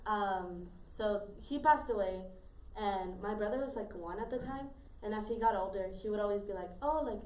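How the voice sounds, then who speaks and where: A woman's voice: mid-range voice, normal speed, a little mellow. A teenage girl casually telling a story to friends, rambling with lots of fillers and restarts. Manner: rambling, many fillers and repeats. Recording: roomy, far from mic, faint noise.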